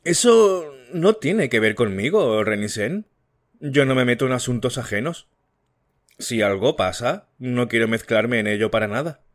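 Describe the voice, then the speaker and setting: A man's voice: mid-range voice, expressive, measured pace, lightly acted. A man voicing a sly, fearful older woman servant who dodges questions, in an audiobook. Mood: evasive.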